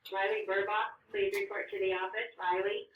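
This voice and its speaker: A woman's voice: medium pitch, flat delivery, moderate pace. A woman making a routine announcement to students over the school intercom. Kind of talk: public address announcement. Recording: tinny distant intercom, echoey hallway, faint noise.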